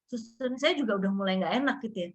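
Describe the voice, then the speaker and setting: A woman's voice: expressive, quick pace. A woman, recounting a personal experience with earnest feeling. She slips into the voices of others as she tells it. The audio is dull and lo-fi, like a remote call. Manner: earnest, acts out quoted dialogue with rising pitch. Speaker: guest sharing a personal story. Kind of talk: emotional personal storytelling.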